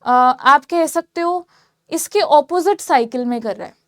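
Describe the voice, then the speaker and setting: A woman's voice: sits high, a little slow, dry recording, clean studio sound. A woman teaching physics in a lecture, explaining step by step and often checking that listeners follow. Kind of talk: whiteboard lecture in mixed Hindi and English.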